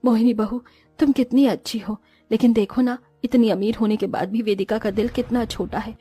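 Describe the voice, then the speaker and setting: A woman's voice: a little high, steady tone, normal speed, warm tone, slightly rough, faint music behind. A woman voicing a stingy, bossy middle-aged mother-in-law in a cartoon story, with a grumbling way of talking. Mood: apologetic.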